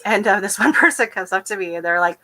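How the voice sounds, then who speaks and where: A Texan woman hosting a gardening live stream talks fast in a medium-pitched voice that sounds pushed and bright. She rambles casually and fills her speech with lots of fillers.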